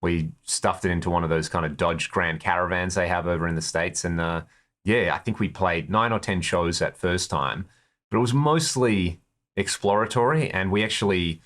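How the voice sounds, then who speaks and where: This interview guest is a man from Perth who plays guitar in a touring band, and he tells personal stories in a chatty way. He speaks with an Australian accent in a low, slightly bright voice at a moderate pace.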